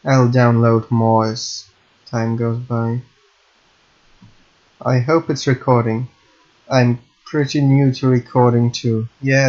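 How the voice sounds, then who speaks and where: Recording himself at his home computer, a Russian-speaking hobby game programmer talks through his coding in a medium-pitched, darkish voice. The audio is dull. He is hesitant and self-correcting, frequently saying sorry.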